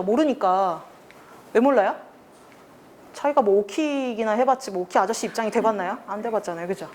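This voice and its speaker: Brisk, lively woman teacher with a slightly high voice, acting out story lines for a class of teens. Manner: animated, acts out characters' lines, asks students questions. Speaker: reading club teacher. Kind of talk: lecture with acted quotes.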